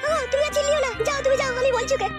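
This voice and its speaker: A performer voicing a nagging middle-aged village mother in a comic cartoon, lecturing rapidly. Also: very high-pitched, fairly even intonation, over loud music.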